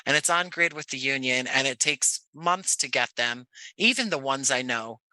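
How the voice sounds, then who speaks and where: An audio playwright from Jersey City, United States, guests on a podcast, reflecting in a conversational, wordy way that often doubles back on itself. His American voice is mid-range, animated, pushed and bright at normal speed. The recording is low quality with no room sound.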